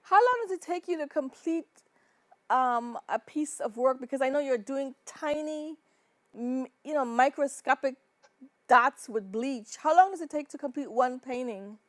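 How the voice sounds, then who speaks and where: A woman hosts an interview show and asks her guest deliberate questions. Her voice sits high. The sound is dry and close, with no room echo. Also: fairly bright tone. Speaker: show host. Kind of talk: hosted interview.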